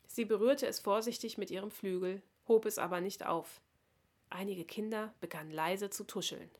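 A woman's voice: medium pitch, steady tone, moderate pace, a little mellow. Woman reading a children's story.

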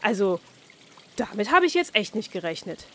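A woman's voice: mid-range voice, big pitch swings, normal speed. A woman voicing a gloomy, shy little male mole who grumbles reluctantly.

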